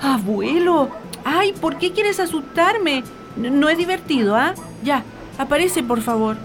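A woman's voice: sits high, lively intonation, a little slow, soft background music. A woman playing a curious, timid young girl in an audio drama, exclaiming and sighing in a wide-eyed manner. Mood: anxious, pleading.

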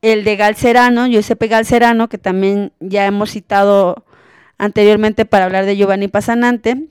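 A woman hosting a podcast, talking in a relaxed, chatty way with many fillers. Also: mid-range voice, clear, resonant tone, no echo, clean studio sound. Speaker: podcast host. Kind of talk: casual podcast talk.

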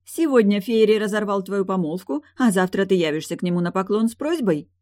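A woman reading an audiobook, voicing a brash, sharp-tongued retired guardswoman who is mocking, blunt and pushy. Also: mid-range voice, expressive, brisk, no echo, voice pushed up, lightly acted. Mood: scheming.

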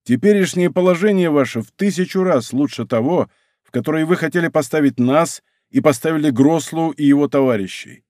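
A brash musketeer barking scornful orders, his voice pushed higher and louder than the telling around it, as a male narrator puts him on. He speaks briskly and with authority. The recording is dry. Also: dry recording, natural voice. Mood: stern. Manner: brisk, commanding.

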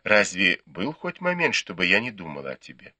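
A man voicing a proud, quick-tongued young lady. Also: low voice, wildly swooping pitch, pushed and bright, dry recording, voice pushed up, heavily acted. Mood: reproachful. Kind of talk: audiobook character reading.

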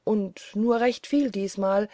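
A woman's voice: medium pitch, slow, warm tone, dry recording, clean studio sound, lightly acted. A woman reading the lines of a cunning, cold-hearted young male charcoal burner who taunts scornfully. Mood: taunting.

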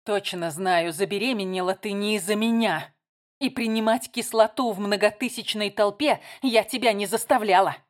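A woman's voice: medium pitch, normal speed, close to an everyday voice. A woman voicing a weary, guarded older sister. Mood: bitter. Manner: tired, defensive.

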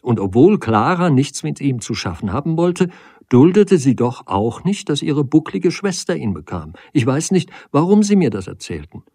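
A man reading the part of a proud young woman who speaks in a sharp, reproachful way in a storybook reading. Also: expressive, moderate pace, husky, dry recording, studio quality. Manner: sharp, reproachful, rising pitch.

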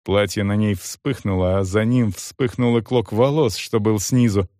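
A man reading a dark historical novel aloud as a dramatic audiobook narrator. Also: fairly low pitch, no echo, clean studio sound. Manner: slow, expressive storytelling.

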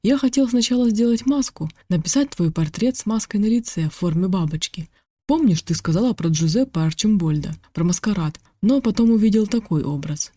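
A narrator voicing a secretive, restless Italian painter in an audiobook, speaking tenderly and then curtly. The voice is close and dry, with a warm, mellow tone. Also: mid-range voice, animated, brisk, dry recording, pitched above the performer's own voice, close to an everyday voice. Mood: earnest.

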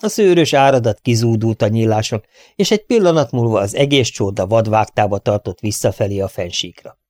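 A man reading an audiobook in steady, measured narration on a close studio mic. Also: fairly low pitch, no room sound. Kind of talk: scripted narration.

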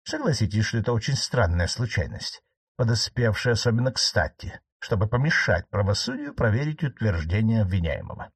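Male reader as an earnest young magistrate, lowish voice, lively pitch, dry close sound; audiobook. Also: fairly quick, slightly rough, no echo, full character voice. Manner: earnest, increasingly unsettled. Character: anxious young male investigating judge. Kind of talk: audiobook character reading.

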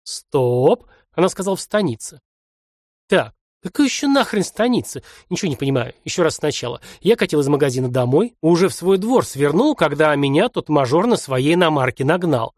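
A man in his fifties voicing a weak, bedridden man who talks to himself in a hoarse, halting, wry way. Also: a little high, very animated, no echo, clean studio sound. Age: 50s. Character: weak bedridden man waking in a stranger's body.

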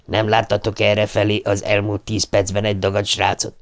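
A man narrating an audiobook voices a menacing teenage bully who shouts threats in a gravelly voice. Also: fairly low pitch, completely flat delivery, lightly acted. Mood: threatening. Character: brutal bully teen boy, snarling threats.

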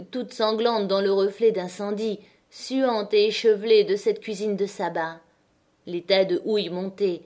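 A woman narrating an audiobook of a classic novel in a measured, dramatic reading. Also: medium pitch, a little mellow. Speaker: audiobook reader.

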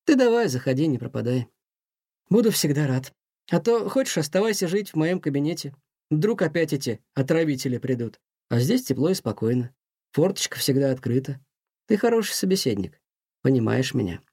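A man voicing an aging museum director who sighs and speaks softly and kindly. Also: fairly high pitch, big pitch swings, a little fast, breathy edge, dry recording, clean studio sound, exaggerated voice. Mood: tired, warm. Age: older. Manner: sighing, soft-spoken, talks kindly to a mouse. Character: weary aging male museum director, gentle and sad.

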